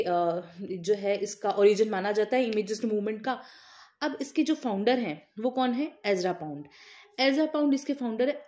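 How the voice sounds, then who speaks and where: A woman's voice: fairly high pitch, warm tone. A woman teacher, giving an exam-focused literature lecture that mixes Hindi and terms, asking questions and answering them herself. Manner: explains in Hindi with many English terms and filler pauses; repeats key points, asks and answers her own questions.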